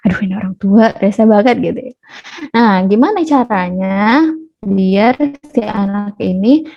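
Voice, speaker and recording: A woman's voice: medium pitch, unhurried. Chatty woman on a dull webinar line. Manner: chatty, playfully acts out parents scolding. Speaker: parenting class speaker. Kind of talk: casual online webinar talk. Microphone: video call.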